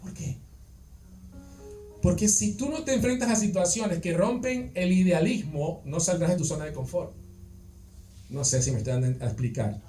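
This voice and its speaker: A man's voice: high-pitched, moderate pace, pauses often, dark tone. Male preacher, conversational sermon, roomy distant church sound. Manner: conversational, rhetorical questions, checks on listeners. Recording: echoey church, distant mic, faint music.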